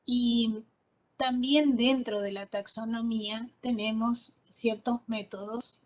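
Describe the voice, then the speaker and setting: Patient woman lecturing slowly. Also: a little high, fairly even intonation, poor audio. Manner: patient, checks understanding with frequent "¿sí?". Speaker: botany lecturer. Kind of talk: online class lecture.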